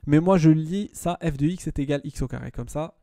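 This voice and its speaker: A male math tutor working one-on-one with a student. He is patient, repeats words and checks her understanding often. His voice is mellow and fairly high, in a dry, close sound. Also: a little fast, dry recording.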